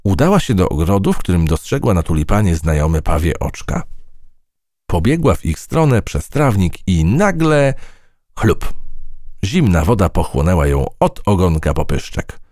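A man narrating a children's audiobook in an expressive storytelling manner. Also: low voice, moderate pace, dry recording, studio quality.

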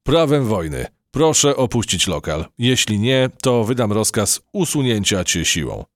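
A man's voice: on the low side, sing-song, measured pace, no echo, pitched above the performer's own voice. Brief: man playing a strict cockroach officer barking orders, dry close sound, storybook. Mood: commanding. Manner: commanding, clipped orders. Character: stern male cockroach army captain.

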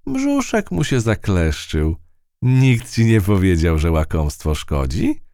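A man's voice: fairly low pitch, big pitch swings, slow, mellow, no room sound, studio quality, voice pushed up, exaggerated voice. A man voicing a tough, one-eyed female field mouse in a storybook reading, brash and scolding. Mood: bossy, mocking.

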